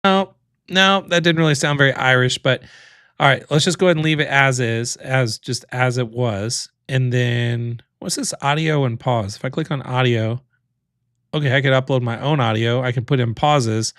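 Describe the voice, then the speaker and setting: A man walks his viewers through a software tool on a livestream, chatting as he goes. His voice sits at a middling pitch and is recorded close, with a dry sound and no room around it. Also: normal speed, clear, resonant tone, no echo. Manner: chatty, thinks aloud, many fillers. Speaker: livestream host demoing software. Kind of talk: casual livestream walkthrough.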